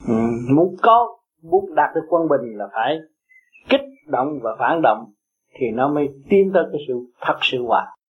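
A man's voice: on the high side, big pitch swings, normal speed, breathy edge, narrow, tinny audio. A man giving a blunt, emphatic Buddhist talk to his followers, coaxing and scolding them by turns. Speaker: Buddhist teacher.

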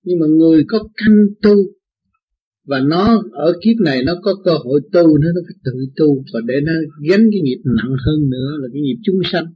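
A man's voice: on the high side, brisk, slightly rough. A man with a Southern Vietnamese accent giving an informal religious talk as a spiritual teacher, blunt and folksy, telling anecdotes. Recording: dull lo-fi recording.

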